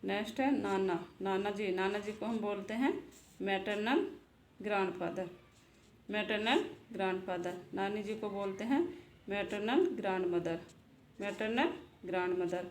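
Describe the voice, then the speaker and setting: A woman's voice: mid-range voice, a little slow. A woman hosting a casual vocabulary lesson, asking a question and answering it herself, repeating each word twice. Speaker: channel host and English teacher. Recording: echoey room with faint noise.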